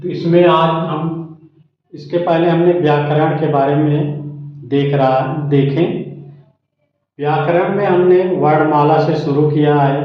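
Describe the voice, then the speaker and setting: A man teaching a Hindi grammar lesson, explaining slowly and often checking that the listener follows. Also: on the high side, fairly even intonation. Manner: slow, drawn-out teaching with frequent "ठीक?" checks. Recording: very echoey room, slightly dull sound.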